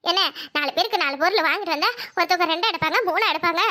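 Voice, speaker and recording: A woman voicing a scheming, sharp-tongued young sister-in-law in a Tamil cartoon, speaking with a Kanyakumari Tamil accent. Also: very fast. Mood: indignant. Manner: shrill, quarrelsome, fake-tearful.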